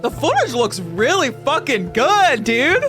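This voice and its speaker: A young adult woman streamer reacting in casual chat, excitable and swearing freely. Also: sits high, unhurried, faint music behind.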